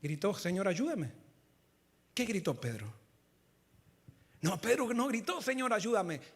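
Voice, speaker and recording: Male pastor, high voice, fervent sermon, swings loud to hushed. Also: huge pitch swings, slow, husky. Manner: fervent preaching that swings between loud emphatic lines and low quiet ones.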